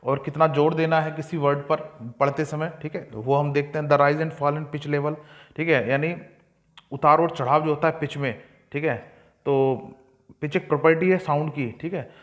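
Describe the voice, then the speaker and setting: A young man teaching an exam-prep lesson. He reads English points slowly and explains them in Hindi with frequent fillers. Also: on the high side, steady tone.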